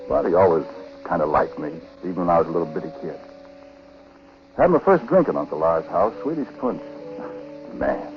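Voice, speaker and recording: An American actor with a low-sitting male voice plays a chatty, world-weary husband in a 1940s radio drama, confiding in the listener through first-person narration. His talk is colloquial, folksy and slangy, addressed directly and intimately, in a reminiscing mood. The recording is dull and hissy, typical of 1940s radio.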